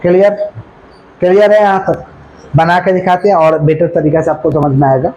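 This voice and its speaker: A male commerce teacher giving a classroom lecture, asking the class again and again if they follow, and slowing right down to dictate. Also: fairly high pitch, steady tone, dark tone, a little hiss or hum, low-quality recording. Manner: repeatedly checks understanding with questions; dictates slowly, then rattles off explanations.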